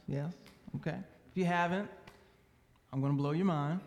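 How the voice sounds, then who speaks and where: A man preaching a sermon, reading scripture aloud and leading a prayer in a measured, deliberate way. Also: a little high. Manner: slow, measured preaching that shifts to a hushed prayer voice. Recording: reverberant hall.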